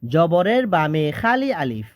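A Quran reading teacher who spells out each syllable slowly, then chants the whole word in a drawn-out tone. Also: mid-range voice, big pitch swings, dry recording, clean studio sound. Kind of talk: slow letter-by-letter spelling lesson with chanted recitation.

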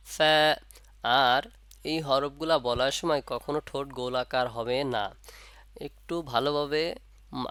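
A man teaching Quran letter pronunciation, patiently asking questions and answering them himself and slowly drawing out each letter sound. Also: medium pitch, fairly bright tone, no room sound. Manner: draws out letter sounds in slow demonstration. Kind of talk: step-by-step lesson.

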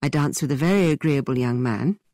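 A woman voicing a witty, playful young gentleman who teases in a mock-theatrical way. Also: very deep voice, animated, brisk, no echo. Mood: teasing.

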